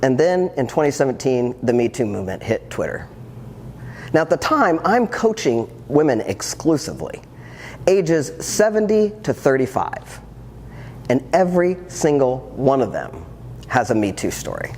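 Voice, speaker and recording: A man's voice: mid-range voice, very animated, moderate pace, a little mellow, a little hiss or hum. A man in his fifties, a transformational coach, telling his personal story to an audience with earnest reflection and wry humor. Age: 50s. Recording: long hall reverb, faint ambience.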